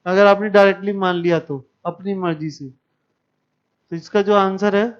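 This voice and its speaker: High clear-voiced male math teacher. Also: steady tone, a little slow, muffled recording. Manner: explains step by step, questions the class. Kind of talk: classroom lecture.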